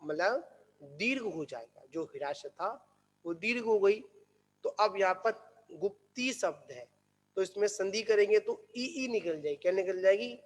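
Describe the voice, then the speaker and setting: A man giving a religious discourse who asks the listeners questions and answers them himself, repeating key words slowly. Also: sits high, expressive. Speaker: Jain monk teacher. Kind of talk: scriptural discourse. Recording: echoey hall.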